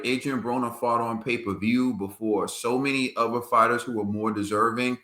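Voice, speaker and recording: A man's voice: mid-range voice, sharp tone. A man co-hosting a podcast, giving emphatic casual boxing commentary and laughing often. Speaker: podcast co-host. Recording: roomy echo.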